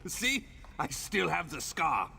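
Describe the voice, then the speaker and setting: An eager, gravelly big-brother hunter. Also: male voice, fairly high pitch, sing-song, slow, pushed and bright, a little hiss or hum, full character voice. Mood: storytelling. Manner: effusive, welcoming. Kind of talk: video game dialogue. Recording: game audio with faint music.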